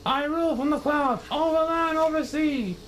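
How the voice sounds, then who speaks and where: A man's voice: normal speed, a little hiss or hum. A man doing Yertle, a bragging turtle king. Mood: indignant. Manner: shouting, grandiose, high and strained. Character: pompous boastful male turtle king, bossy.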